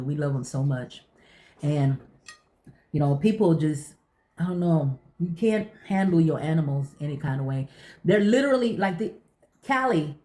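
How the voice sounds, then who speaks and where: A woman's voice: sits low, mellow. A woman chatting casually and telling personal stories in an emphatic way, repeating phrases to drive her point home. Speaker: vlogger. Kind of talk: casual chit-chat storytelling. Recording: echoey room.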